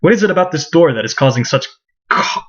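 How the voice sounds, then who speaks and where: A man's voice: fairly high pitch, expressive, fast talker, a bit bright, pitched above the performer's own voice. A man voicing a polite young prince who speaks courteously and formally in a fan voice-over of game dialogue. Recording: muffled lo-fi mic.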